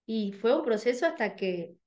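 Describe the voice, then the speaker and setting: Co-hosting a casual radio podcast chat, a woman with a Tucumán Argentine Spanish accent talks in a sincere, reflective way and calls her own voice high-pitched. She speaks at normal speed with lively intonation and a slightly mellow quality, and the sound is lo-fi.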